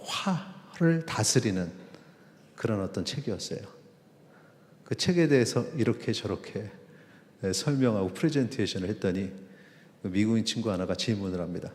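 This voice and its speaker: A man, a pastor, preaching a sermon in a conversational way, with pauses and acted-out quotes. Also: on the low side, a little mellow. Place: church sanctuary. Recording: long reverb of a church hall.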